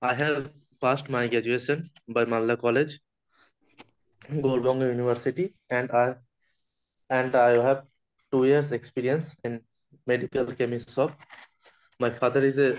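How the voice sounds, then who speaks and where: A man giving a halting self-introduction in English on a video call. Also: mid-range voice, darkish tone, a little hiss or hum, rough recording. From West Bengal, India. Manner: halting, listing. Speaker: trainee.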